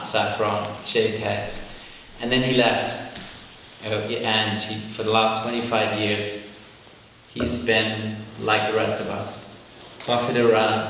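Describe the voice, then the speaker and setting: A man's voice: fairly low pitch, a bit bright. A man teaching yoga philosophy to a group at a retreat, talking conversationally and checking in with his listeners. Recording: echoey hall recorded from far off, faint hiss.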